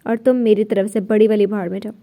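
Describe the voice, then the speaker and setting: A woman's voice: medium pitch, steady tone, warm tone, lightly acted. A woman voicing a stubborn young wife who talks back defiantly, in a storybook reading.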